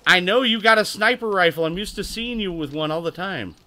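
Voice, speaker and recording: A man's voice: sits high, lively intonation, brisk, bright, forceful tone, slight background noise. A man hosting a casual gaming livestream, talking in a rowdy, crude way and thanking viewers by name. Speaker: livestream host.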